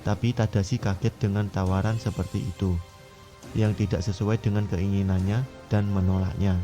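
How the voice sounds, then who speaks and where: A man's voice: lowish voice, fairly even intonation, normal speed, mellow. A man narrating a scripted story recap in a plain, matter-of-fact way. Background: music.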